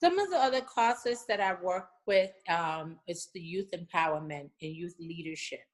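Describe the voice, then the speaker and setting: Answering questions in a casual remote interview, a middle-aged woman from Liberia speaks in a fairly low, animated voice at a moderate pace. She's earnest and tends to repeat herself, saying "you know" often.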